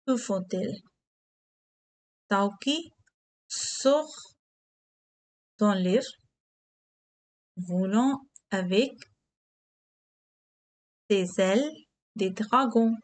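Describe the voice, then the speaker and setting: A woman teaching beginner French, giving English glosses and repeating key words slowly. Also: mid-range voice, a little mellow. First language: Hindi.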